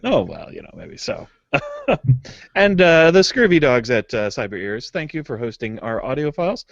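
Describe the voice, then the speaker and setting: A man's voice: a little high, wildly swooping pitch, normal speed, dry recording. A man hosting a casual gaming podcast, rambling and chuckling between fillers. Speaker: podcast host. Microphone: home mic on a video hangout. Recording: dull lo-fi dry webcast audio.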